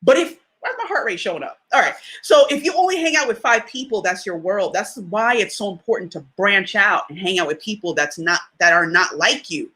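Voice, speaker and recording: A deep-voiced woman, a motivational speaker, gives a casual, conversational talk with a bright, forceful, expressive delivery, moving a little fast with few pauses. Her pitch swings widely as she stresses key words, and she often repeats a phrase for emphasis. She keeps checking in with her audience, frequently asking "you know what I mean?"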